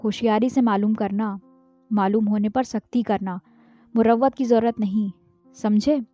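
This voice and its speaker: A woman's voice: medium pitch, steady tone, normal speed, mellow, soft background music, natural voice. Stern, curt father, as a woman reads him. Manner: curt, commanding. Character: stern middle-aged father scolding his son. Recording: dull, dry, lo-fi.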